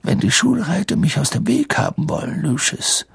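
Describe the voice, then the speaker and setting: A man voicing an old, wise headmaster who speaks slowly and deliberately in an audiobook reading. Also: high-pitched, big pitch swings, dry recording, voice pushed up, full character voice. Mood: firm. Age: older. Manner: slow and deliberate, clearly spoken.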